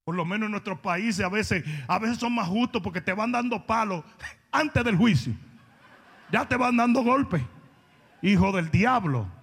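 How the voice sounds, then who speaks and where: A man preaching a confrontational sermon, scolding and mocking his listeners. His voice sits high and sounds husky, with a gravelly edge. It carries through a church hall with a long echo. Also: expressive, a little slow, fairly bright tone. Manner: blunt, mocking, acts out quoted people in voices. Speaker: pastor.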